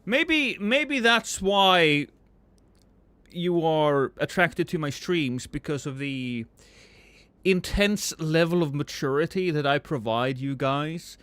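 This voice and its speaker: On a live stream, a thirty-something man talks with his viewers in a rambling, profane, self-mocking way, lurching from loud excited outbursts to low mumbling. He takes it slowly, and his voice sounds clean in a dry recording.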